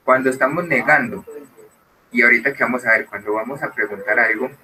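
A man teaching an English grammar lesson, explaining slowly and often checking with "¿cierto?". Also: medium pitch, bright, forceful tone, far from the mic, a little hiss or hum, low-quality recording. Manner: explains slowly, mixes Spanish and English, keeps asking "¿cierto?". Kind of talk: recorded online grammar lesson.

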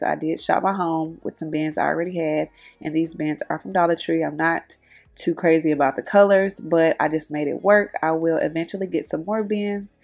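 Low, husky-voiced woman vlogger. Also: darkish tone. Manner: chatty, addresses viewers as y'all. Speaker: home cleaning vlogger. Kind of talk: casual voice-over narration.

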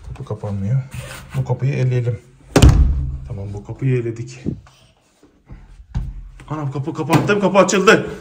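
A young man and father filming a family vlog at home, excitedly narrating to his viewers. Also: mid-range voice, a little slow, long pauses, very noisy. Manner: excitable, exclaiming, addresses viewers. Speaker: vlogger father. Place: home living room.

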